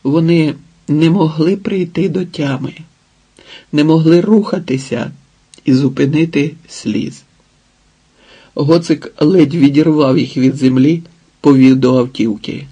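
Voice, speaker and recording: A man narrating an audiobook in a calm, measured way. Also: fairly high pitch, husky. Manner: calm, measured, unhurried reading. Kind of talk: scripted narration.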